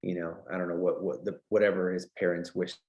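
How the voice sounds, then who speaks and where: A man's voice: low-pitched, level tone, a little fast, darkish tone, lo-fi sound. A man in his thirties, a real estate coach as a podcast guest, talking earnestly with many fillers. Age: 30s. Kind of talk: casual interview chat. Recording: roomy echo.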